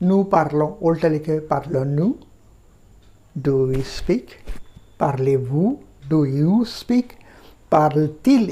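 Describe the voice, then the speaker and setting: Speaking in a low voice with a dark tone, a woman runs a language lesson, patiently explaining grammar and drilling example phrases slowly and deliberately.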